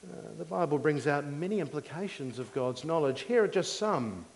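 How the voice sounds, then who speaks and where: A male preacher with a slightly high voice gives a teaching sermon in a long, reverberant hall. He explains simply and deliberately, phrase by phrase, in a measured didactic manner. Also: expressive, creaky.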